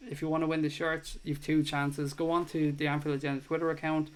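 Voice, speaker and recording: A man's voice: on the high side, little pitch movement, fairly quick, clean tone. An Irish man in his thirties hosting a casual live football chat stream, reading viewer comments and swearing now and then. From Ireland. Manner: chatty, swears casually, thanks viewers warmly.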